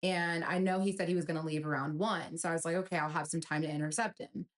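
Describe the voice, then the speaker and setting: A woman's voice: low-pitched, fairly even intonation, fast. A young woman telling a personal story with earnest emotion, in a casual storytime style.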